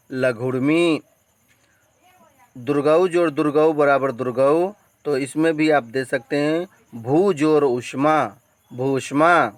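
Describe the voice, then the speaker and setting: Speaking with a Bihari Hindi accent, a man gives a grammar lesson slowly and deliberately, stretching out each example and going back over his points. His voice is mid-range, and there's no room sound.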